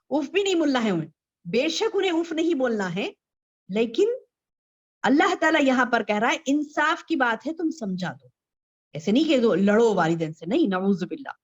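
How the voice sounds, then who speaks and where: A woman with a fairly high voice preaching to a women's gathering, circling back over her points and asking the listeners questions. She slows down to recite scripture, then explains it. The recording sounds dull and lo-fi. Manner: repeats phrases and asks rhetorical questions; recites Arabic verses slowly, then explains them. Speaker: female Islamic scholar teaching women. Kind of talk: religious lecture.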